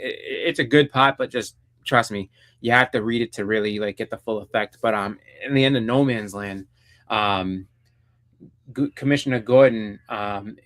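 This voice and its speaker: A man's voice: fairly low pitch, a bit bright. Rambling man chatting about comics. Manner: rambling, many fillers and restarts. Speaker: live stream host. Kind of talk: casual comics chat.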